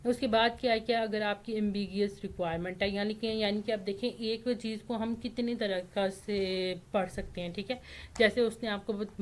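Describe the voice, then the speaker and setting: A woman from Pakistan, giving a casual spoken lecture as an online tutor and often checking in with "theek hai". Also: mid-range voice. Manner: explains with frequent fillers and "theek hai" check-ins.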